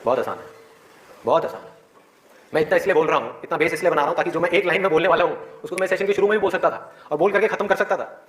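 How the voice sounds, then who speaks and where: A male biology teacher giving a motivational talk to his students, with many rhetorical questions and a lively, persuasive manner. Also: high-pitched, racing, roomy sound.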